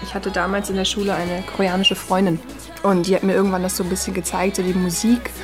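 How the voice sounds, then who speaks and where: Woman in her twenties, casual interview, chatty and animated, mid pitch, music in the background. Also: fast. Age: 20s. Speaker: interviewee, dancer.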